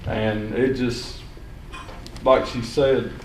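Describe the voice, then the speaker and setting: A man's voice: medium pitch, fairly even intonation, extremely slow, darkish tone. A young man giving unscripted public comment at a county meeting, plain-spoken and rambling with restarts. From Sequatchie County, Tennessee. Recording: echoey hall, distant mic, faint hiss.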